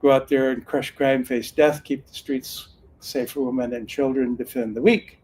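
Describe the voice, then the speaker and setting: An older man, a retired lawman who now reads cards, tells a casual story in an earnest, folksy way, often restarting his sentences. He comes from Northern California and has a mid-range, medium-pitched voice with fairly even intonation, a moderate pace and a darkish tone. There's a little hiss or hum in the background.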